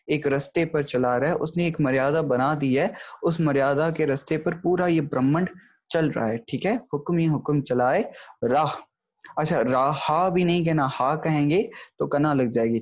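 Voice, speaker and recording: A man's voice: a little high, a little mellow. A man giving an online grammar lecture, explaining step by step and often checking in with his listeners. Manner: explanatory, keeps checking in with "thik hai". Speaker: Gurbani grammar teacher.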